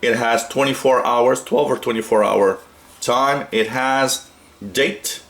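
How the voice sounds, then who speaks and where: A Canadian shortwave radio hobbyist presents a product in a casual, unscripted tutorial from a small indoor room at his radio desk. His mid-range voice is steady and fairly bright, and he talks slowly in a hesitant, rambling way.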